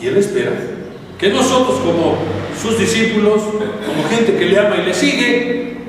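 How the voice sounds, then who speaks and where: Man, conversational Bible teacher, slightly high voice, recorded from afar in a long-echo hall with faint noise. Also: expressive, moderate pace. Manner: chatty, rhetorical questions to the audience. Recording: echoey hall from far off, faint hiss.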